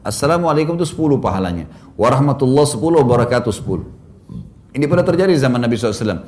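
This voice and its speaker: A man's voice: lively intonation, racing. Male preacher telling family stories. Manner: warm anecdotal delivery, chuckling at his own stories, rising high when amused. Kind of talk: storytelling sermon to a congregation.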